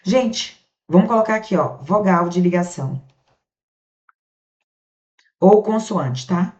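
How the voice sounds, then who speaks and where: A woman's voice: fairly low pitch, lively intonation, takes it slowly, a little mellow. A woman with a Brazilian Portuguese accent teaching a grammar lesson, asking and answering her own questions with casual check-ins to the class. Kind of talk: grammar lecture. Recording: roomy, dull lo-fi sound.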